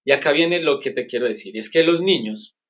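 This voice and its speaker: A male psychologist, a guest in a conversational interview, explains things earnestly, corrects himself, and often asks "¿sí me entiendes?". His mid-range voice is expressive, brisk and fairly bright. The recording has its highs cut off.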